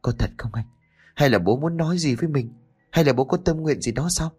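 A man's voice: on the high side, animated, a little fast, a little mellow, slightly rough, soft background music. A man voicing a frightened young woman in an audiobook, speaking hesitantly and pleading.

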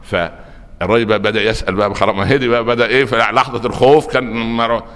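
A man preaching with an Egyptian Arabic accent, telling a story with lively storytelling and voicing the people in it. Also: fairly low pitch, quick pace, in a large hall. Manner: animated storyteller, mimics the people in his story. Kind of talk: storytelling sermon.

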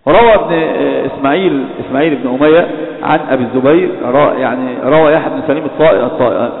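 A man's voice: medium pitch, racing, vocal fry. A man gives a religious lecture on hadith criticism, often hesitating and correcting himself. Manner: frequent hesitations and self-corrections. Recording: echoey hall over a tinny phone-like line.

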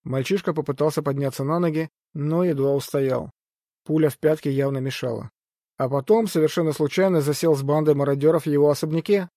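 A male audiobook narrator with a mellow, soft-edged voice sitting a little higher than most men's. He tells the story in steady, measured first-person narration. The read is close and dry, with no room sound at all. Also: no room sound.

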